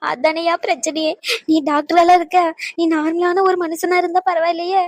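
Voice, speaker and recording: A woman's voice: very high voice, level tone, moderate pace, no room sound. A woman voicing a worried, tearful mother in a cartoon, speaking in a sorrowful, plaintive way.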